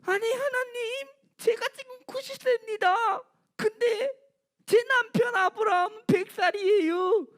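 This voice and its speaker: A woman putting on a doubtful old woman, her voice pitched up high and pleading, close to tears. The words come out slow and strained. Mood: pleading disbelief. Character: elderly woman doubting she can bear a son.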